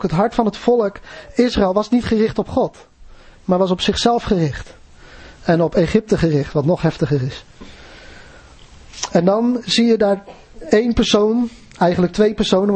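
A man delivers a sermon in a husky, fairly high voice. He speaks earnestly and conversationally and keeps turning questions back to his listeners. The sound is close and dry, with no room around it. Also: warm tone, no echo. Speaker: preacher.

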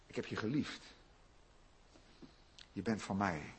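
A man preaching a sermon, building to loud emphatic peaks and dropping back to quiet asides. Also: slow pace, a little hiss or hum. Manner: lively, rising to loud emphatic peaks then dropping low.

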